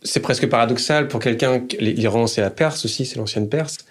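A man's voice: mid-range voice, a little fast, husky. A man interviewing a guest, chatty and asking leading questions.

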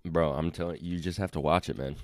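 A man with a hoarse, froggy voice today, hosting a casual podcast chat. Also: very deep voice, steady tone, fast, darkish tone, no room sound. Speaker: podcast host.

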